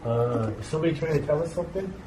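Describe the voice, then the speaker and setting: A man's voice: fairly high pitch, expressive, racing, noisy background. A man chatting casually with an easygoing, slang-heavy manner while ghost hunting with a friend outdoors at night. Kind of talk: casual chat.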